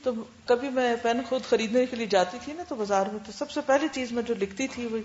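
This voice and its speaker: A woman's voice: fairly high pitch, darkish tone, a little hiss or hum. Woman teacher. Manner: explanatory, mixes English words into Urdu. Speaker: Quran teacher. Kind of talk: classroom Q&A lecture. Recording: roomy, dull lo-fi classroom recording.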